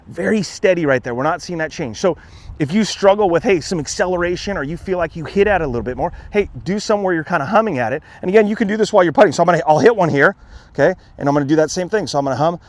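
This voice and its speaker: A man coaching golf putting outdoors on a green, talking in a relaxed way, often checking in with "okay?" and repeating himself as he demonstrates. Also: fairly high pitch, rapid-fire. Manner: relaxed, repeats "okay?" and "again", restarts words. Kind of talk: on-course instruction, demonstrating.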